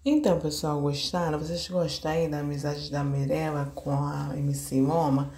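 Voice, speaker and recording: A woman's voice: low-pitched, fairly even intonation, normal speed, dark tone. A Brazilian woman narrating from a script as a channel host. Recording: roomy echoing voice-over.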